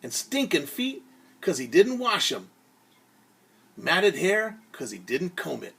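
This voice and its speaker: This man's voice is a little high and gravelly, with a breathy edge and wildly swooping pitch. Telling children a lively story as their teacher, he sings, theatrically acts out shouts, whispers and sound words, and pauses to explain words simply and invite participation.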